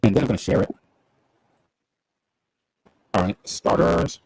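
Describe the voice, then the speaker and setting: A man hosting a casual basketball chat on a livestream, rambling and repeating words as he thinks, through a mic that sounds robotic and low-sample-rate. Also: animated, measured pace, vocal fry, a little mellow, no echo. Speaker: podcast host.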